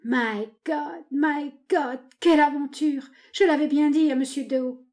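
A woman reading aloud, voicing a gruff male detective chief who talks in a raised, exclaiming voice. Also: a little high, sing-song, brisk, darkish tone. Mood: astonished.

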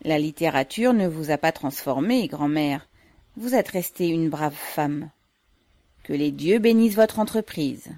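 A woman's voice: deep voice, lively intonation, unhurried, mellow, no room sound. A woman doing a grave, wry young revolutionary. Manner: grave, joking.

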